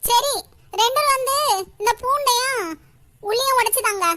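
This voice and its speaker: A woman's voice: extremely high pitch, normal speed, sharp tone. A woman voicing a short-tempered grandmother in a homemade comic cartoon, nagging about chores. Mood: bossy.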